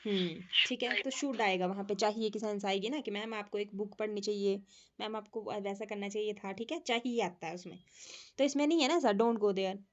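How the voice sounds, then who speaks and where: A woman's voice: mid-range voice, brisk, lo-fi sound. A woman teaching an English grammar class online, explaining step by step and checking in with her students.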